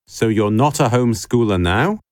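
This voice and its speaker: A smooth radio host, played by a man, welcomes callers with a lively, rising and falling voice. The sound is dry and close, with no room around it. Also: fairly low pitch, moderate pace, no echo, natural voice. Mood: friendly. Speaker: radio call-in show host. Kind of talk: scripted educational dialogue.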